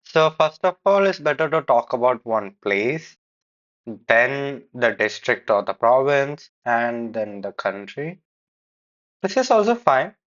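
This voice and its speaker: A man explains how to improve answers on a speaking exam, stopping to correct and restate phrases. His voice sits at a middle pitch. The recording sounds a little dull and lo-fi. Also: very animated, slow, fairly bright tone. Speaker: IELTS coach giving feedback. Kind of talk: feedback commentary on a recorded test.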